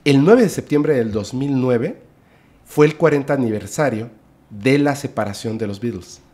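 A man, a podcast guest, telling a story in casual chat, lively, often adding "o sea" and "¿no?". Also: mid-range voice, moderate pace. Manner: lively retelling, with "o sea" and "¿no?" tags.

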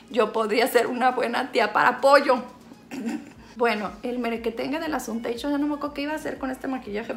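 A woman's voice: on the high side, gravelly, fairly bright tone. A woman from Sinaloa, Mexico, with a Sinaloan Mexican accent, chatting playfully through a makeup tutorial, teasing and joking about herself as she goes. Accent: Mexican Spanish (Sinaloa). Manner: playful, teasing, self-mocking, talks to an off-camera helper. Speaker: vlogger. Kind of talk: casual makeup tutorial chat.

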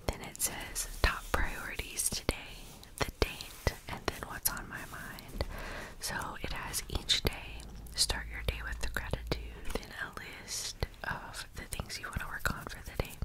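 A woman hosting an ASMR video in a breathy whisper, casually describing items in hushed remarks. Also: poor audio. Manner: slow, gentle-paced, hushed casual remarks.

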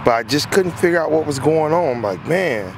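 A man's voice: on the high side, lively intonation, fairly quick, vocal fry, background noise. A man, an HVAC technician, walks through a repair job in a casual, rambling way, repeating himself as he goes, recorded outdoors on a phone. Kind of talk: casual explainer walkthrough. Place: outdoors on a lawn.

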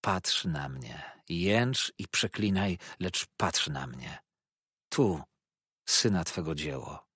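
A man's voice: low voice, lively intonation, takes it slowly, sharp tone, slightly rough, dry recording, clean studio sound, full character voice. A man voicing a bitter, scarred woman who hurls furious accusations in an audiobook. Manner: accusing, declamatory outbursts.

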